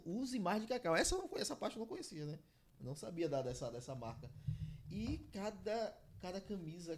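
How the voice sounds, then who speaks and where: A man's voice: a little high, a little mellow. A man from Salvador, hosting an interview with enthusiastic, playful remarks. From Salvador, Bahia, Brazil. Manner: enthusiastic, quick affirmations, playful. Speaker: interview host. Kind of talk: casual interview chat.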